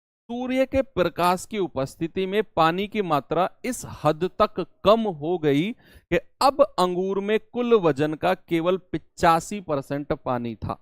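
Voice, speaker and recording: A man's voice: high-pitched, clear, resonant tone, no room sound, studio quality. A young man teaching an exam-prep maths lesson, asking students questions and answering them himself step by step. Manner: talks students through each step, asks and answers own questions.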